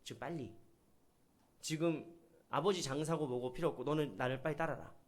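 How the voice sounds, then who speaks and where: A middle-aged man preaching a sermon as a pastor, animated and acting out the voices he quotes. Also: a little high, fairly quick.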